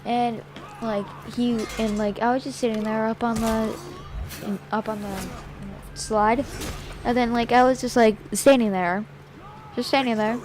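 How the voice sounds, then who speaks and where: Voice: mid-range voice, steady tone, measured pace. A child or young teen telling a story in a casual vlog, in an exasperated, sarcastic way and acting out bits of dialogue. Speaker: vlogger. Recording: noisy home-made recording with ambient noise.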